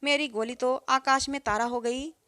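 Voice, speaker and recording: Stern middle-aged landlord father, firm plain speech, high voice, read by a woman storyteller. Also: steady tone, normal speed, sharp tone, clear, resonant tone, no room sound, studio quality.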